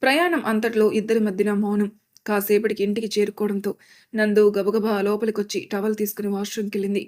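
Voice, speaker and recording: A woman storyteller reading a romance story aloud in steady scripted narration. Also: mid-range voice, fast.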